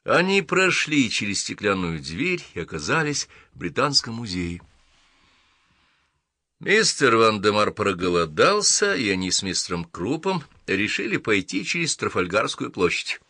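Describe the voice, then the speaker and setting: Low, bright male audiobook narrator. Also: very animated, unhurried, no room sound, studio quality.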